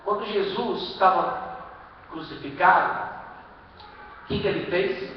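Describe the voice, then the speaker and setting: A man preaching a sermon as pastor, with a Brazilian Portuguese accent, emphatic, full of rhetorical questions and sudden loud bursts. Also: high-pitched, a little slow, highs cut off, slight background noise. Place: church hall. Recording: echoey live-stream from far off in a hall.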